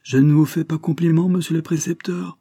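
A man's voice: lowish voice, lively intonation, moderate pace, mellow, breathy edge, dry recording, clean studio sound. A man voicing a stern, contemptuous old colonel who accuses and threatens in a raised, harsh voice.

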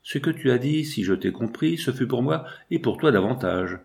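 A man's voice: mid-range voice, animated, normal speed, vocal fry, darkish tone. A man voicing an earnest young woman, wounded and reproachful, in a read-aloud novel. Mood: bitter.

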